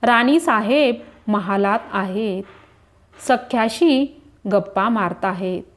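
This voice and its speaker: Casting note: a woman voicing a nervous young maid in a storybook telling, soft and pleading. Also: medium pitch, takes it slowly, natural voice. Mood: anxious. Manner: hesitant, pleading. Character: timid young palace maid, anxious.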